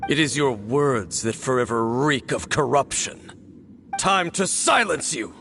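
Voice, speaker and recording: An actor playing a serious, resolute young swordsman in a video game, speaking in calm, measured tones. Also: mid-range voice. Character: grave young male swordsman, steady and resolute. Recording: game audio with clear music behind.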